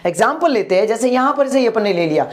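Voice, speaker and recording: Man teaching an English lesson, asks rhetorical questions, checks on students, slows for example sentences. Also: extremely high pitch, very animated. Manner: rhetorical questions, calls listeners "my dear", checks "are you getting?". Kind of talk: spoken English lesson explained in Hindi.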